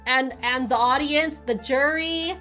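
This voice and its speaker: A woman voicing a loud, pushy old woman witness who loves gossip, in a video game playthrough. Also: measured pace, faint music behind. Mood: gossipy. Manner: shrill, pushy and scolding.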